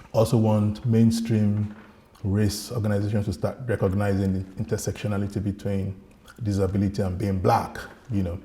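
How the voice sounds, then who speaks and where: Reflecting on his own life, a middle-aged man from Nigeria, a native Yoruba speaker, talks in a low, mellow voice. His manner is earnest and thoughtful, with pauses and restarts along the way.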